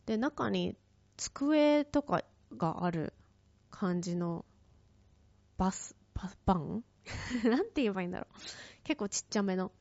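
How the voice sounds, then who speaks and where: A woman's voice: medium pitch, lively intonation, a little slow, pauses often, darkish tone, no echo. A woman telling a casual story in a chatty way, with many fillers, and acting out quoted lines in a raised voice. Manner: many fillers, frequent light laughs. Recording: dull lo-fi, dry close recording.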